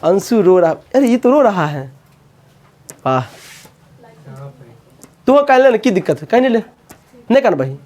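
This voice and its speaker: High-voiced man teaching a coaching class. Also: sing-song, a little slow, pauses often, darkish tone. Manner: asks students questions and repeats answers.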